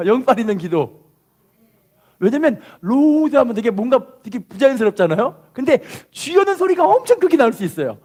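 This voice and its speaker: A man delivers a Sunday sermon as a pastor, his voice sitting high and leaping up and down as he preaches. He draws the congregation in with questions and repeated phrases. At the peaks he breaks into full shouts. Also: moderate pace. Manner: animated preaching with call-and-response, shouting at peaks.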